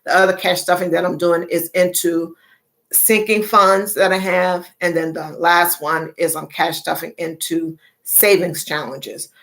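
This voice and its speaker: A woman's voice: lowish voice, flat delivery, unhurried, creaky, fairly bright tone. A middle-aged woman hosting a casual livestream chat, chatty, repeating phrases and laughing often. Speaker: livestream host.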